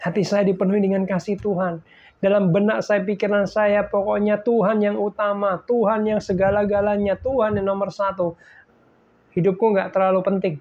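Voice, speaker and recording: A middle-aged man giving an emotional personal faith testimony, speaking to his listeners directly and shifting between hushed and fervent lines. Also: sits high, flat delivery, moderate pace, muffled recording. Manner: keeps addressing listeners as "guys".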